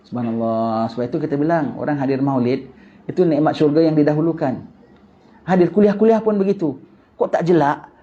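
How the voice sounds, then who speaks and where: A man with a Singaporean Malay accent giving a religious lecture, animated, asking rhetorical questions and repeating phrases. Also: on the high side, lo-fi sound. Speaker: religious teacher.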